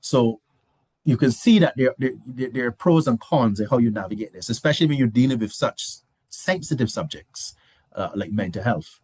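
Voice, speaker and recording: Husky-voiced man lecturing. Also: medium pitch, lively intonation, moderate pace, a little mellow, no room sound. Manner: conversational, frequent restarts, rhetorical asides. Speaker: guest lecturer. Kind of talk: business presentation.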